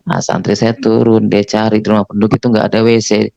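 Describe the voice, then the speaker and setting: Gravelly man telling his testimony. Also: lowish voice, little pitch movement, fast talker, dark tone, dry recording, lo-fi sound. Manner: earnest storyteller, acts out the dialogue himself. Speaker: former preacher giving testimony. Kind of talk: spoken testimony in a conversation.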